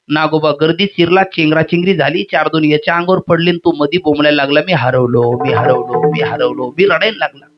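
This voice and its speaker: A fairly high-voiced man gives a kirtan sermon, telling folk tales and acting out each character. His storytelling is lively, with chanted refrains. The sound is dull and lo-fi. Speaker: kirtan preacher.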